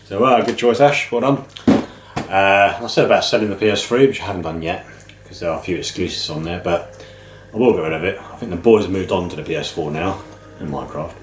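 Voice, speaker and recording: A middle-aged British man hosting a video game pick-ups channel chats casually and ramblingly to camera, his low voice slightly nasal and bunged up from man flu, a head cold. He talks fast, and the recording has roomy echo, a little hiss or hum, and music underneath.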